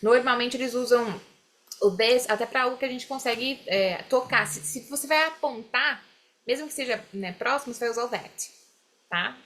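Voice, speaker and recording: A woman teaching English, explaining phrases slowly and having students repeat them. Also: fairly high pitch, a bit bright, a little hiss or hum. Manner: drills phrases slowly, mixes English lines into Portuguese explanation. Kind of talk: classroom explanation.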